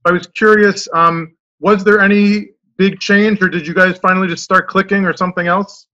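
A man asks a reporter's question remotely, curious and detailed. His voice is high and bright. The audio is a bit dull. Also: flat delivery, moderate pace. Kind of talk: asking a question on a call.

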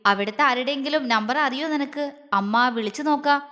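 A woman's voice: sits high, a little fast, sharp tone, big-room sound. A woman voicing an affectionate middle-aged mother who coaxes tenderly. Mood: loving. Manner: coaxing, tender.

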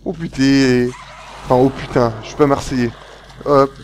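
A man giving casual commentary on a game he plays, excitable, chatty and quick to yelp. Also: mid-range voice. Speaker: gaming YouTuber. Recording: game noise behind voice.

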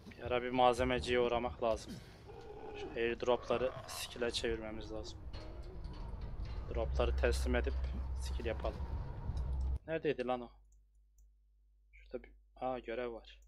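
A man playing a video game on stream and talking as he goes, with quick exclamations and frequent swearing. His pitch sits in an ordinary middle range, and a faint hiss of noise runs under his voice. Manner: excitable, swears often, talks to himself while playing. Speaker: gamer streamer. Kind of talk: casual let's-play commentary.

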